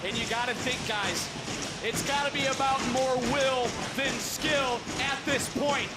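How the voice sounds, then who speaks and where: High-pitched man shouting wrestling commentary. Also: fairly even intonation, a little slow, loud music behind the voice. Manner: shouted, dramatic calls in short clipped phrases. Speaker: lead play-by-play wrestling commentator. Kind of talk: excited live wrestling commentary. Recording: loud arena noise.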